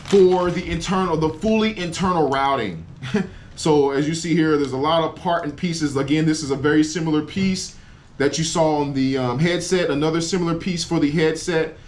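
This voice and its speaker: A man in his forties films himself close to the camera outdoors beside a building wall. He talks casually in a slightly high voice and gets excited over every part he shows. A faint hum of outdoor ambience sits behind him. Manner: enthusiastic, exclaims over each part. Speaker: cycling vlogger. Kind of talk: casual unboxing vlog.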